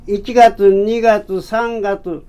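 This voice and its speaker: A very old man with a Hiroshima accent recounts memories in a dark, relaxed voice. He speaks haltingly, restarting and repeating words as he searches for the next piece of his recollection. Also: sits high, clear, resonant tone. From Hiroshima, Japan. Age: over 80. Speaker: interviewee, war-era survivor. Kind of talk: oral history recollection.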